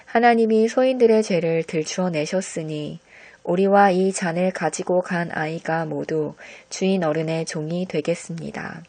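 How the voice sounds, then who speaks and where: A woman reading psalms and Bible passages aloud in a calm, measured devotional style. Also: lowish voice. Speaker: scripture reader.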